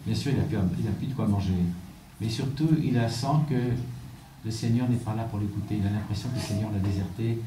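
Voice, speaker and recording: A man, a bishop, giving a measured, reflective sermon with rhetorical questions, recorded in a church from a distant mic. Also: on the low side, fairly even intonation, dark tone, reverberant, slight background noise.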